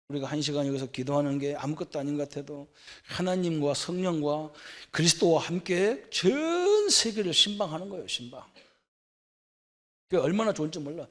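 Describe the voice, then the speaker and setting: Middle-aged pastor guy giving a sermon, pretty high pitched, chatty and asking questions. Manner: conversational preaching, rhetorical questions, asks for agreement. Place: church sanctuary.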